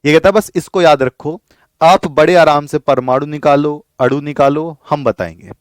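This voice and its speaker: A man teaches a live online chemistry class, his voice sitting a little high for a man. He explains patiently, repeats each key point and keeps asking the students to answer him. The sound is dry and close. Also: normal speed, no echo.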